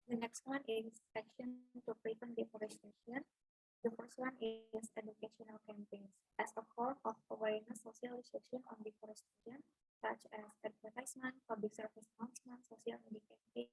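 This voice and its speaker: A woman's voice: on the high side, little pitch movement, fairly quick, gravelly, a little mellow, slightly rough, no room sound, poor audio. A young woman, a native Indonesian speaker, reading her part of a class presentation in English, listing points one by one. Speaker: student presenter.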